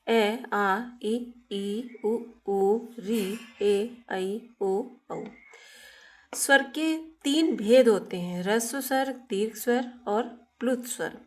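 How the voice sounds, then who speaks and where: A woman teaching a class in a slow, unhurried way. Her voice sits a little high. She poses questions to the children, answers them herself, and stretches out each sound as she explains. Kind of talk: classroom grammar lesson.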